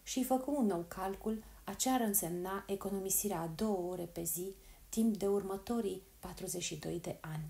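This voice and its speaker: Woman narrator, storybook reading, mellow dark tone, calm and measured. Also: medium pitch, vocal fry. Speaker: audiobook narrator.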